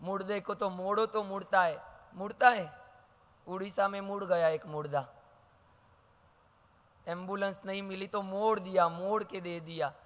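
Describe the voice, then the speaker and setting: A man's voice: high-pitched, bright, forceful tone, big-room sound. A man preaching as a monk, delivering a sermon with anecdotes and acting out the dialogue, asking rhetorical questions. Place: large hall with audience.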